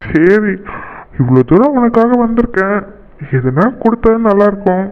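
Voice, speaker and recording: A man's voice: high voice, very animated, moderate pace. A young man voicing a cartoon fiancé who teases and pleads playfully with his bride-to-be. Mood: coaxing. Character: teasing, doting young male fiancé. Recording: thin phone-like band.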